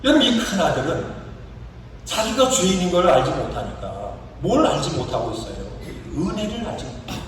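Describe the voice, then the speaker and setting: Man, pastor, animated sermon, voices the story's characters, echoey church hall, picked up from afar. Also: on the high side, moderate pace, recorded from a distance, slight background noise. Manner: lively, rising and falling emphasis. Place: church sanctuary.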